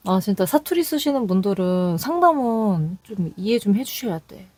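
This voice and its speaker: A young woman with a Seoul Korean accent talks candidly about her call center job in a casual vlog, telling chatty stories and quoting callers. Her medium-pitched voice is expressive and darkish, at a normal pace, with no echo.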